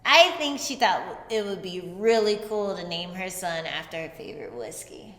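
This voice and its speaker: A young woman co-hosting a casual talk, joking and laughing often. Her voice is bright and forward. The sound is roomy, with a long reverb trailing her words. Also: medium pitch, animated, normal speed. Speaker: podcast co-host. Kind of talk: casual chat. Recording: echoey room with long reverb.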